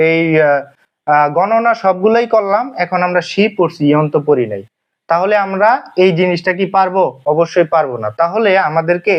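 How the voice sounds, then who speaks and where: A man teaching a language class, repeating himself and asking and answering his own questions. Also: high voice. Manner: repetitive, asks and answers own questions, many fillers. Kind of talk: classroom lesson explanation. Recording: dull lo-fi sound.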